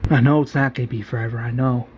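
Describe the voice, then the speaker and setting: A man voicing a weary, grieving male group leader who speaks in a flat, subdued way. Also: medium pitch, fast talker, dull audio, slight background noise, lightly acted.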